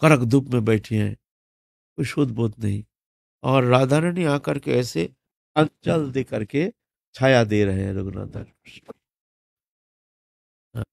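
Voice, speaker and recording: A man preaching a devotional storytelling sermon in an unhurried way, often pausing with fillers. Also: medium pitch, expressive, gravelly, darkish tone, no room sound. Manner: unhurried, with frequent fillers and restarts. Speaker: religious preacher.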